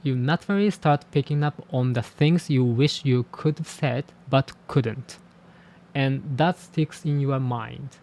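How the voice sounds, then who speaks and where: Slight background noise sits behind a man's mid-range voice with a darkish tone. Japanese is his first language, and as a language teacher and channel host he offers a candid, measured, self-deprecating reflection to camera on learning languages.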